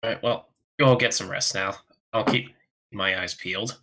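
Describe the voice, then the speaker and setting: A man's voice: low voice, fairly even intonation, moderate pace, sharp tone. A man playing a tabletop role-playing game, talking casually and speaking for his character.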